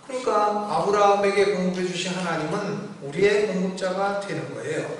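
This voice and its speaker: Older guy preaching in a big echoey church, highish voice, mic far off, quick back and forth with the crowd. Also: a little hiss or hum. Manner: lively preaching, voices Satan's taunts, asks the congregation for answers. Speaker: pastor. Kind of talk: sermon. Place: church sanctuary.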